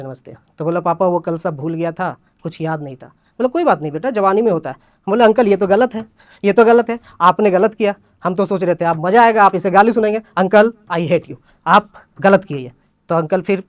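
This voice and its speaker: A man's voice: high voice, no echo. A young man at an open mic stage, telling a comic story and acting out his friends' voices as he goes. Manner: acts out friends' voices in a lively retelling. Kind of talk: stand-up storytelling.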